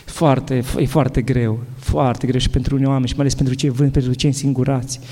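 A man, an Orthodox bishop, giving a spiritual talk and answering questions in an animated, halting way with many restarts. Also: mid-range voice, big-room sound.

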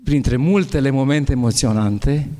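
Animated Orthodox bishop in a hall. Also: male voice, medium pitch. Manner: animated, halting, with restarts and repeated words. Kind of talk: spiritual talk answering questions.

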